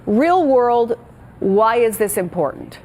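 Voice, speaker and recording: A woman anchors a television news show, reading her copy briskly and clearly. There is a faint studio hum underneath her voice. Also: on the high side, lively intonation, darkish tone. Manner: brisk, clear, reads from a script. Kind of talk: scripted news presenting.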